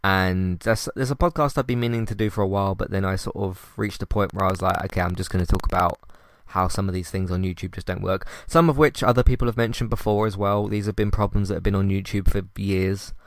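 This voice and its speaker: A male host talks through his recent episodes and match ratings on a solo podcast, speaking fast with few pauses in a calm, low, smooth, resonant voice. He's conversational, frequently restarting or stumbling on fillers, and the recording is dry and close.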